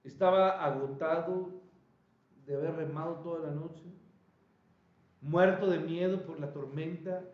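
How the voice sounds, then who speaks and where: Animated high-voiced preacher in a roomy hall. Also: male voice, measured pace, pauses often, dull audio. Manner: animated preaching, calling out questions to the congregation. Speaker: pastor. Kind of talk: sermon. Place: church.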